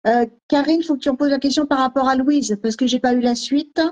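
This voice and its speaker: A woman's voice: high-pitched, steady tone, brisk, darkish tone, poor audio. A woman hosting a live stream as a medium, greeting viewers and reading comments aloud in a scattered way. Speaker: host medium.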